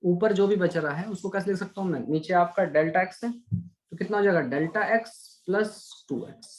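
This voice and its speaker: A man's voice: sits high, normal speed. A man teaching an online maths class, chatty and coaxing, asking questions and answering them himself for his students. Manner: coaxing, calls students "beta".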